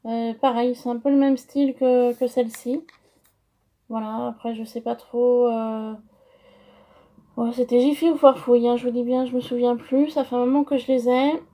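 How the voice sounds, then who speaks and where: Brief: French woman, high mellow voice, unhurried, hesitant craft-tutorial host. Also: fairly even intonation. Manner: slow, hesitant, many fillers.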